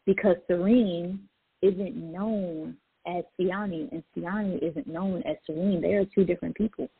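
A woman's voice: lowish voice, fairly even intonation, a little slow, creaky, husky, no room sound. A woman who is a poet and public speaker, talking reflectively in casual conversation with lots of "like" fillers. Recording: tinny phone-like line.

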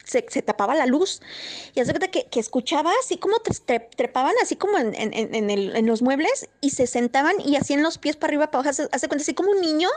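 A woman's voice: high-pitched, animated, quick pace, darkish tone. A woman tells a personal story casually, full of fillers and restarts. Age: 30s. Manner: rambling, many fillers and restarts. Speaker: guest storyteller.

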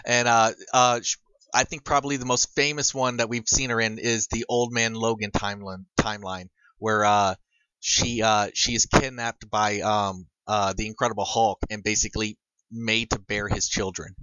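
A man co-hosting a casual podcast chat who talks haltingly, restarting his sentences as he explains comic-book stories. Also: fairly low pitch, fairly even intonation, bright, forceful tone, clean tone, no echo. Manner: halting, many restarts while recounting comic lore. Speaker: podcast co-host. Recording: dull, lo-fi, dry sound.

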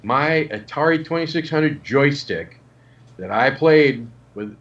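Male, medium pitch, hesitant natural conversational show-and-tell, slightly muffled recording. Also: expressive, slow, a bit bright. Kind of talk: natural unscripted talk.

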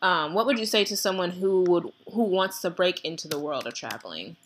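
A woman's voice: on the low side, fairly quick, a little hiss or hum. A woman interviewing guests in a casual chat, telling stories animatedly and acting out what people said. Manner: animated storyteller, mimics voices with laughter.

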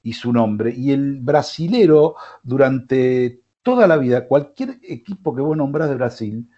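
A man's voice: medium pitch, animated, unhurried, warm tone, dull audio. A man with an Argentine accent hosting a sports radio show, rambling with many fillers and restarts. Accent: Argentine Spanish. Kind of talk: casual sports radio talk. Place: radio studio.

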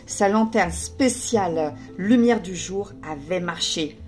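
A woman, a librarian, reading a children's storybook aloud with clear, steady narration. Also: fairly low pitch, slow pace, faint music behind.

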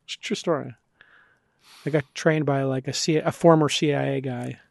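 A man hosting a podcast in casual, rambling conversation, animated and swearing casually. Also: mid-range voice, normal speed, gravelly, no room sound, studio quality. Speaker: podcast host.

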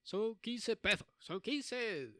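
A sly ferryman, as a man acts him out, putting on a Spanish accent and drawling his words slowly. His voice is a little higher than plain talk and moves up and down playfully. The sound is close and dry. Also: lively intonation, pushed and bright, no echo, exaggerated voice.

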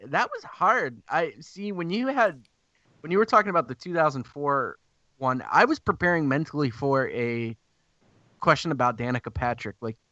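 A man's voice: on the high side, expressive, normal speed, pushed and bright, dry recording, muffled recording. A man filling in as co-host, rambling and self-deprecating in casual sports chat. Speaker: fill-in co-host.

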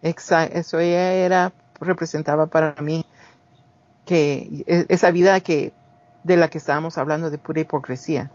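In a dull, lo-fi recording, a Guatemalan man in his forties appears as a guest and tells personal stories in his Guatemalan Spanish accent. He wanders casually, restarting and acting out quotes. His voice runs somewhat high and darkish, with a steady tone at normal speed.

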